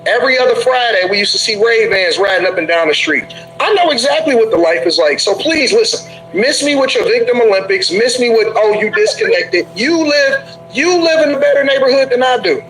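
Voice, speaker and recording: A man's voice: very high-pitched, expressive, fairly quick, a bit bright, faint music behind, rough recording. A man in his forties from Detroit, arguing insistently on a panel and repeating his points. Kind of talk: heated panel debate.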